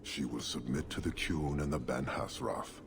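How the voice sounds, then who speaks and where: In a video game cutscene, a male actor with a bass voice plays a stern, proud horned warrior leader. He speaks formally and slowly, steady in tone, with a commanding, gravelly edge.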